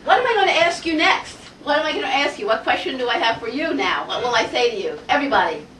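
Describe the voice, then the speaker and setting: A woman teaching a Hebrew phonics lesson to a class, energetic and coaxing, asking the group question after question. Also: on the high side, quick pace, a little hiss or hum. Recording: roomy classroom audio from far off.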